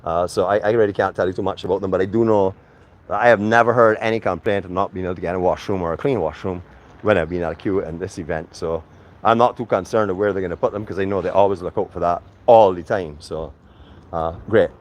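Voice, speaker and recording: A man's voice: low-pitched, quick pace. Chatty man vlogging a venue walk-through. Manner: chatty and friendly, frequent fillers. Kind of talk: casual walk-through vlog. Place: venue under a tent, indoors and outdoors.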